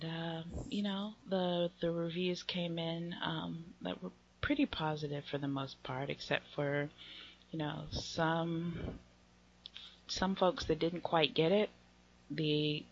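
A woman hosting a casual podcast chat, laughing often and filling pauses with ums, sometimes dropping almost to a whisper. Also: sits low, fairly even intonation. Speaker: podcast host. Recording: slightly dull lo-fi audio with faint noise.

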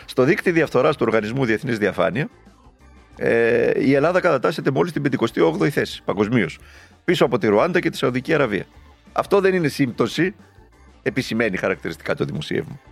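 A man's voice: medium pitch, very animated, vocal fry, soft background music. A man giving an impassioned political monologue as a commentator, sarcastic and indignant, firing off rhetorical questions.

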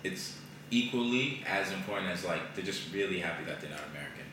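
A low-pitched man talks as a podcast guest, loose and animated, swearing freely and filling with "like" and "you know". His voice rings around a very echoey room. Steady background noise sits under it. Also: a little fast. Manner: animated, blunt and profane, lots of "like" and "you know". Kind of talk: casual conversation.

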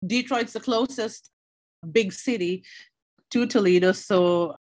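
A woman's voice: mid-range voice, takes it slowly, a little mellow, no room sound. A young woman from Sri Lanka, an optician, telling her story earnestly in an interview, with small restarts.

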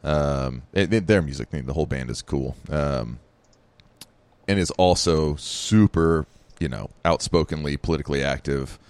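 Man, podcast co-host, extremely deep voice, dry recording, rambling casual chat. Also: moderate pace, darkish tone, clean tone, no room sound. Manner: rambling, many fillers and restarts.

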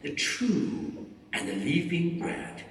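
A man leading prayer and chanting a blessing as a priest at Mass, slow and solemn, his voice ringing in a cathedral echo. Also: on the high side, sing-song, a little hiss or hum. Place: large church during Mass. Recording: echoey church from far off, faint music.

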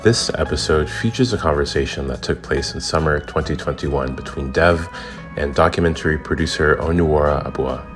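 Very deep-voiced man reading an intro. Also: moderate pace. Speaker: podcast announcer. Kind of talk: scripted podcast intro. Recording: faint music underneath.

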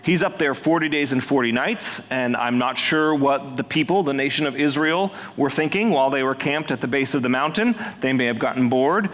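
A man's voice: medium pitch, fairly quick, few pauses, a bit bright. A man in his thirties preaching a sermon in a large church, chatty and self-deprecating, with humorous asides to the congregation. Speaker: pastor. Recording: long reverb of a large hall.

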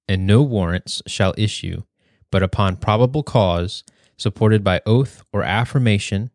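A young man hosting a podcast, reading a prepared speech in a measured, earnest way. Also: fairly low pitch, darkish tone, dry recording, studio quality. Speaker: podcast host.

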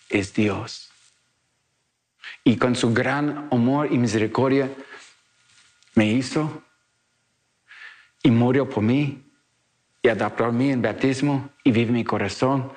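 A male priest giving a slow, earnest sermon in broken, Spanish. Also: medium pitch.

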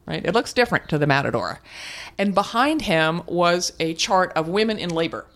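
Speaking lively and at normal speed, the older female interview guest has a voice on the low side with a slightly bright quality. She reflects frankly in this candid conversation, restarting sometimes and laughing here and there.

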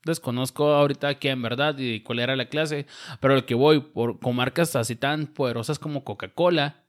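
A man's voice: mid-range voice, steady tone, normal speed. Slangy man, casual chat. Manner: slangy, swearing, laughing often. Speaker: podcast co-host.

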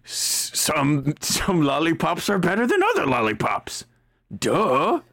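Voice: medium pitch, wildly swooping pitch, slow pace, a bit bright, no room sound, heavily acted. A game master voicing a pushy candy-seller woman in a tabletop game, with sly, teasing sales talk. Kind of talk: tabletop role-play voice.

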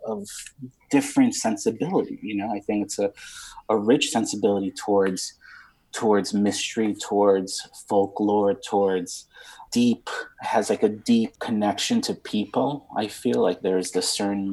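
A husky-voiced man in his thirties, from Romania, speaks as an interview guest. He rambles and searches for words, full of fillers and restarts, now and then dropping a swear word. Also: on the low side, steady tone, moderate pace, dark tone, rough recording. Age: 30s. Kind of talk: casual interview conversation.

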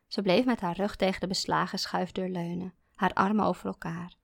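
A woman narrating a first-person literary story in a calm, measured way. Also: lowish voice, creaky, no room sound, studio quality.

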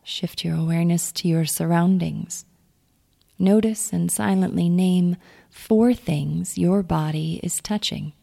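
A woman leading a calm guided grounding exercise, giving gentle, soothing instructions in a soft, near-whispered delivery. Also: on the low side, measured pace, vocal fry. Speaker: meditation guide.

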